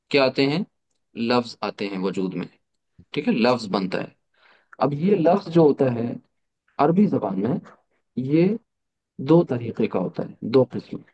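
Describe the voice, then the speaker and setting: A man's voice: mid-range voice, animated, measured pace, long pauses, a little mellow. A man teaching an online class, explaining step by step, asking rhetorical questions and mixing English terms into his explanations. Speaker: Arabic teacher.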